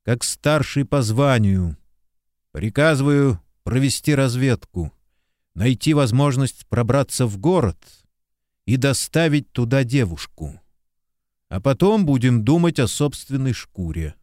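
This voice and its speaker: A man reading a principled young Soviet lieutenant in a storybook war tale, voice rising in indignant, commanding bursts. The delivery is unhurried and deliberate, heard close and dry. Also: medium pitch, expressive, darkish tone, no echo, close to an everyday voice. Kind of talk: audiobook character reading.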